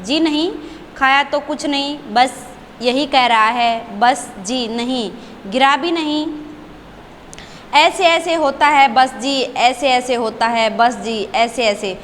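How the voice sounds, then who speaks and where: A woman's voice: sits high, slow pace, fairly bright tone, in a large hall, slight background noise. A woman teacher reading the part of a father, politely answering a doctor on the phone. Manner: polite, deferential.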